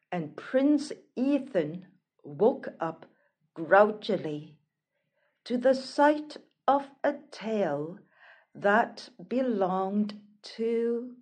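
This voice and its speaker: A woman reading a fairy tale aloud as a measured, expressive storyteller. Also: fairly high pitch. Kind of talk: scripted storybook narration.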